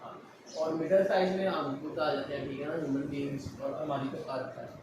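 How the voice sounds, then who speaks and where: A man's voice: on the high side, fairly even intonation. Man teaching in an echoey room. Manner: explanatory, repeats checks like "okay, beta", slows down for English definitions. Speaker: physics teacher. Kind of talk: classroom lecture mixing Hindi-Urdu and English. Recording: echoey room, distant mic, noisy.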